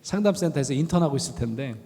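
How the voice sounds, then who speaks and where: A middle-aged professor, speaking as a guest lecturer, gives a storytelling lecture in a large university chapel hall. His medium-pitched voice comes rapid-fire, and he animatedly acts out the voices he quotes. The hall's long reverb carries through the recording.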